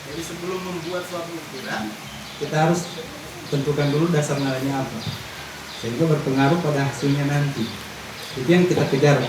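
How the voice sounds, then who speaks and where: Man, fairly high voice, explains craft plainly at a workshop, recorded from afar in a booming hall. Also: fairly even intonation, brisk, pauses often. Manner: plainspoken, explains step by step while tapping an instrument. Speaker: instrument maker demonstrating at a workshop. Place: large hall. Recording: roomy echo, distant mic, audible room noise.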